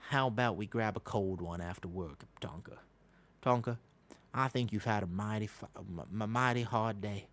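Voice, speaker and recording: A man's voice: lowish voice, normal speed, a bit bright. A man acts out a friendly backwoods fellow from the mountains. He speaks in a folksy Southern US country drawl, neighborly and plain, in the manner of a streamer's comic bit. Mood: folksy, sympathetic.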